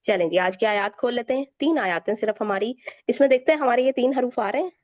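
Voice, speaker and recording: Woman, Pakistani Urdu accent, recitation teacher, patient, slow repeated drills, online lesson. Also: fairly high pitch, darkish tone. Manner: patient, drills letter sounds slowly and repeats them.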